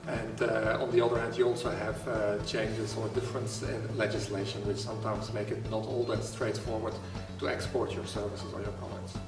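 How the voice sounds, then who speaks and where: Middle-aged Belgian business rep, low voice, careful answers, roomy distant mic. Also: male voice, little pitch movement, moderate pace. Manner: careful, hesitant, with many fillers. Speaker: employers' organization representative. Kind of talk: interview answers. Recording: echoey room from far off with music.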